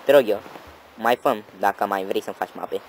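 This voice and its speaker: A man giving excitable let's-play commentary, swearing and yelling at enemies over loud game music. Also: lowish voice, slight background noise, low-quality recording. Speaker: gaming channel host.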